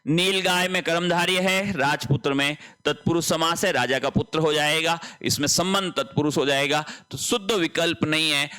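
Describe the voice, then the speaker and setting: A male teacher with a bright, fairly high voice walks through exam questions one by one. He explains each answer patiently and keeps reminding his students to take note. He draws out key words slowly to stress them. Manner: explains step by step, often repeating "dhyan rakhen". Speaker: Hindi teacher. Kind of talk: exam paper solution lesson.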